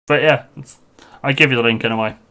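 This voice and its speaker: A man with a fast, sharp, medium-pitched voice chats in a casual, matey way with his viewers while live-streaming a game, addressing the group informally.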